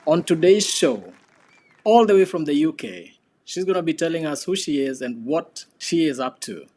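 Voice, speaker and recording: A man's voice: fairly high pitch, lively intonation, moderate pace, darkish tone. A man hosting a diaspora TV interview, with formal introductions and brief prompts. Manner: formal broadcast introductions, short listening replies. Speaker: TV host. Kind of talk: hosted interview.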